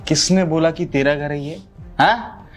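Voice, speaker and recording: A man's voice: on the high side, fairly even intonation, unhurried, faint music behind, natural voice. A man playing a rude, domineering husband. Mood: angry. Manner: shouting, rude, commanding. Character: harsh domineering young husband, scornful of his in-laws. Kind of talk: amateur family drama skit.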